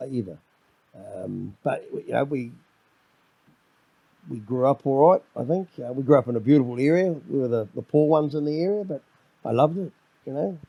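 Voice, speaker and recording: This podcast guest, a middle-aged man from New Zealand, speaks loudly and domineeringly in casual conversation, rambling and repeating words as sentences begin. His medium-pitched voice is animated, creaky and husky, moving at a moderate pace with frequent pauses. The low-quality recording has no echo.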